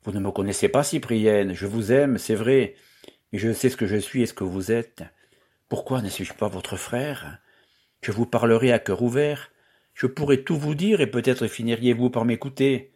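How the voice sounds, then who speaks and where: A man reading aloud, voicing a shy, earnest young charcoal burner who speaks softly. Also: mid-range voice, normal speed, slightly rough, natural voice. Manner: soft, earnest.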